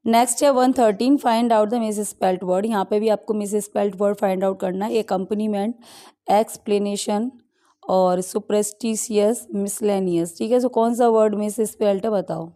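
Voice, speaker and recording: A woman's voice: medium pitch, fairly even intonation, mellow. A woman English teacher, going through an exam practice set and explaining each answer in mixed with English. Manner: explains in Hindi mixed with English, reads options slowly.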